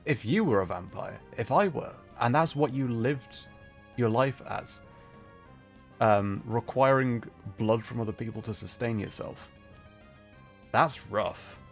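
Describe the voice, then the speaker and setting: A gravelly-voiced man of medium pitch hosts a casual livestream at a measured pace, with faint music behind him. He rambles thoughtfully while playing and answering chat, chuckling easily.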